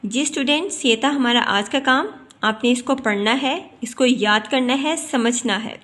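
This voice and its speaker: Careful, slow-spelling woman teacher. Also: on the high side, fairly bright tone. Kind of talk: pronunciation lesson.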